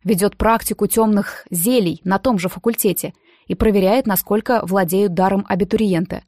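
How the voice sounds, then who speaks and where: A woman voicing a chatty, pushy young male student who confides gossip in a hushed tone, in an audiobook. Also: medium pitch, steady tone, normal speed, no room sound, clean studio sound, close to an everyday voice. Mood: explaining.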